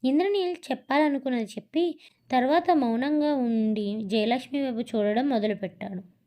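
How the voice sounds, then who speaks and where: A woman narrating a serialized audio story in a steady storytelling manner. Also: high-pitched, moderate pace. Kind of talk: scripted narration.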